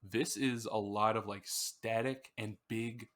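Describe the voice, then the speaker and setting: A man's voice: fairly low pitch, steady tone, takes it slowly, fairly bright tone. A man co-hosting a podcast in casual chat about an album, telling stories in a loose, rambling way. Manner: rambling storyteller, acts out screams. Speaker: podcast co-host.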